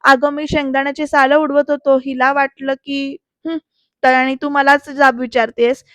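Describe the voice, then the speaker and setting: A woman's voice: high-pitched, little pitch movement, fairly bright tone, dry recording. A woman doing a defensive young husband. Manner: defensive, quick excuses.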